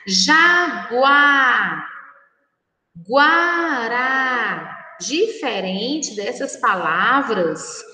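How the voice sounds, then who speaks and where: A Brazilian woman teaching young children in a recorded remote lesson, speaking slowly and patiently with a sing-song delivery. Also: a little high, fairly bright tone, roomy sound, big-room sound, rough recording. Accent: Brazilian Portuguese. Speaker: primary school teacher.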